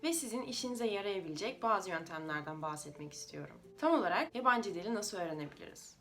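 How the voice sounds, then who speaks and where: A woman's voice: medium pitch, animated, quick pace, fairly bright tone. A native Russian woman with a Russian accent explains things informally to viewers in a foreigner's slightly unidiomatic Turkish. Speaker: language-learning video creator.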